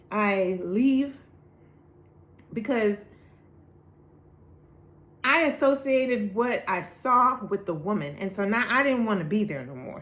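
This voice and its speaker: An earnest woman recounts her personal testimony with animated storytelling. She speaks at a middle pitch, slipping into acted-out quotes along the way. The room around her carries a noticeable echo. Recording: echoey room.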